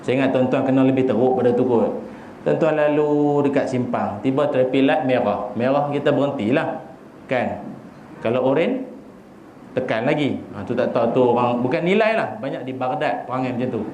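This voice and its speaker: A man with a Malaysian accent giving a humorous sermon, animated and joking as he acts out little scenes. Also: mid-range voice, moderate pace, a little hiss or hum. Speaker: preacher. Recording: echoey hall with faint ambience.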